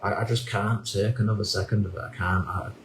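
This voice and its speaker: Gravelly, halting man in his thirties. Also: lowish voice, steady tone, roomy sound, slight background noise, rough recording. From United Kingdom. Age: 30s. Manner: halting, repeats words and restarts often. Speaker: vlogger. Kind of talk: reflective personal monologue.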